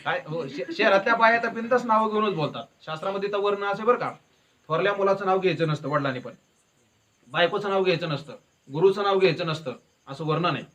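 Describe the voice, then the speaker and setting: A man preaches a devotional discourse in a high voice. He keeps asking questions and answering them himself, and tells stories along the way. His tone is bright and forward. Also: quick pace. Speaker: kirtan preacher.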